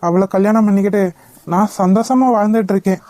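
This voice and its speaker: A woman voicing a gentle young village husband in a cartoon, polite, apologetic and reassuring. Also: medium pitch, steady tone, fast, dry recording, natural voice. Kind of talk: cartoon voice acting.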